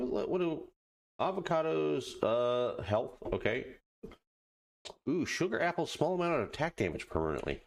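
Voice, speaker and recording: A man giving casual let's play commentary, muttering halting asides to himself and reading on-screen text aloud. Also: lowish voice, a little hiss or hum. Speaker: gaming video host.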